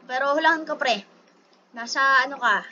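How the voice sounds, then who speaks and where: A woman's voice: sits high, moderate pace, sharp tone. A woman doing playful, chatty gameplay commentary, pleading and repeating herself. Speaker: gaming YouTuber. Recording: dull lo-fi sound with clear background noise.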